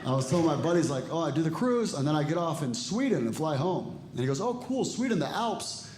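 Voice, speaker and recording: The comedian, a man in his forties from Ecuador and El Salvador, speaks at a quick pace in a slightly high voice with big swings in pitch. He performs dry, self-deprecating material and plays out bits of conversation for a live club audience, recorded in an echoey room full of crowd noise.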